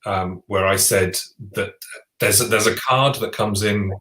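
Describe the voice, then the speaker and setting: Speaking a little slowly, a man with a fairly low, bright, pushed voice co-hosts a podcast and chats enthusiastically about board games, frequently restarting his sentences. The conversation is loose and casual, and his voice echoes around a roomy space.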